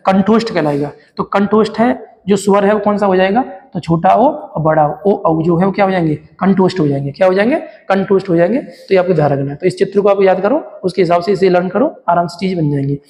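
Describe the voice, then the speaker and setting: Guy with a high mellow voice teaching hindi for exams, keeps asking and answering his own questions, room has a long echo. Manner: repeats each term as a question and answer to students; addresses viewers as friends, explains with a diagram. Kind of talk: exam-prep lesson.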